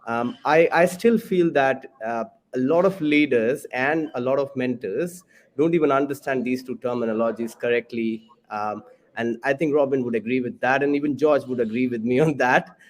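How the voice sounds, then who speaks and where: Guy hosting a podcast, mid-pitch voice, rambles through the intros. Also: normal speed. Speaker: podcast host. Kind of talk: interview hosting.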